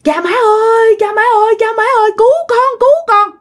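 A woman's voice: animated, fast talker, a bit bright. A woman voicing a panicked young man who wails in pain, with a Southern Vietnamese accent. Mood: panicked wailing. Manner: shrill pleading cries.

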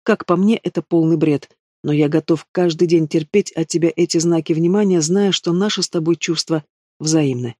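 A man's voice: on the high side, normal speed, darkish tone, no room sound, studio quality, close to an everyday voice. A man voicing a cocky, teasing male dragon ruler in an audiobook, self-assured in tone. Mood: pleading.

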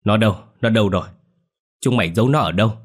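A starving, possessed old grandmother, as a male narrator puts her on, spits out curses in a snarl and breaks into screams. The voice sits higher and louder than his own deep tone, and it is harsh and wild throughout. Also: expressive, normal speed. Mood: frantic screaming. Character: ravenous foul-mouthed old grandmother, possessed and ghoulish.

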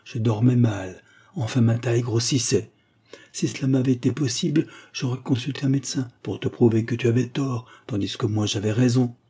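A man's voice: medium pitch, mellow, slightly rough, close to an everyday voice. A man reading the lines of a passionate young woman in love, in an ardent, pleading way.

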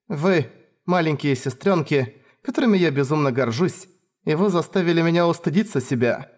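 A loving elder sister who speaks softly and tenderly, her voice lifted above a man's usual range, as a male narrator puts her on. She sounds steady and protective, with a lively lilt. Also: on the high side, normal speed, voice pushed up, lightly acted. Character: gentle eldest sister, young woman, brave and loving.

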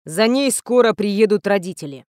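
A woman's voice: mid-range voice, expressive, normal speed, darkish tone, no room sound, close to an everyday voice. A tired, grim male teacher in an audiobook, curt and commanding, as a woman reader puts him on. He speaks firmly and gives orders. The recording is dry and close. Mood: stern. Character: weary stern middle-aged male teacher.

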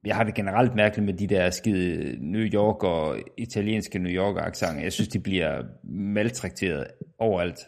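A man's voice: low-pitched, gravelly, few pauses. A man from Denmark co-hosting a film podcast, recapping the plot with hesitant stops and starts. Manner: hesitant, many fillers and restarts. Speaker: podcast co-host.

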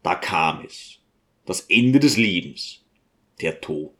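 Ein Mann, der einen Roman als Hörbuch ausdrucksvoll vorliest. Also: male voice, low voice, slow pace. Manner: expressive storytelling. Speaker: audiobook narrator. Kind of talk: reading a novel aloud.

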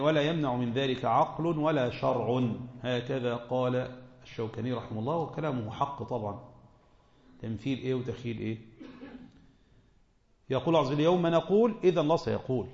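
A man's voice: mid-range voice, darkish tone. A man with an Egyptian accent teaching a class on Quranic exegesis. He moves between formal recitation and casual colloquial asides and questions his students. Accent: Egyptian Arabic. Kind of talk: classroom lesson explaining a tafsir text. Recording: echoey hall, dull lo-fi sound.

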